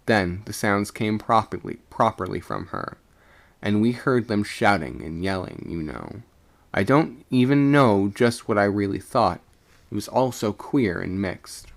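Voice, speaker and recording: A man voicing a chatty, puzzled ship's third mate in a storybook reading, conversational and halting as he recounts what he saw. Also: lowish voice, lively intonation, vocal fry. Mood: uneasy, wondering. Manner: conversational, halting, self-correcting. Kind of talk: first-person storybook narration.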